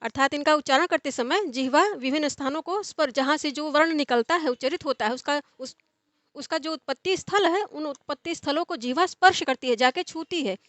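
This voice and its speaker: A woman's voice: sits high, fairly quick, a bit bright, no echo. A young woman teaching Sanskrit grammar in an explanatory lecture, repeating and rephrasing points as she goes. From India. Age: young adult.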